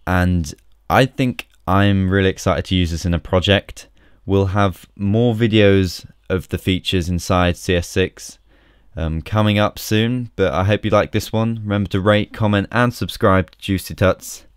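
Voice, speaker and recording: Deep-voiced man giving a casual tutorial. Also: a little slow, smooth, dry recording, studio quality. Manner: relaxed, chatty, with frequent ums. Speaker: software tutorial host. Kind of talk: casual screen-recorded tutorial.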